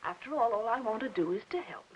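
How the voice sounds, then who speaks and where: An actress playing a fussy, chattering older aunt who rambles and pries in a 1950s film. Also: female voice, a little high, animated, fast talker, husky, rough recording. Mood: fussing chatter. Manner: rambling, prying, fussing talk.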